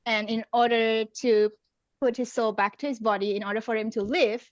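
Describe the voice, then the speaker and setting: Hesitant author with a dull dry sound. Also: female voice, fairly high pitch, fairly even intonation, moderate pace, no room sound. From Singapore. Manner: hesitant, many ums, laughs often. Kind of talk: casual chat.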